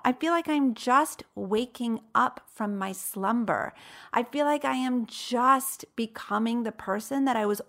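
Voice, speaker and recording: A woman in her late thirties, acting as coach and host, gives a motivational talk in an emphatic, conversational style full of rhetorical questions. Her voice is on the high side with a fairly bright tone.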